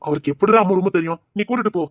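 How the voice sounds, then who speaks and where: A woman voicing a stern older father who gives gruff commands. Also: mid-range voice, racing, no room sound, clean studio sound, pitched below the performer's own voice, lightly acted. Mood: commanding.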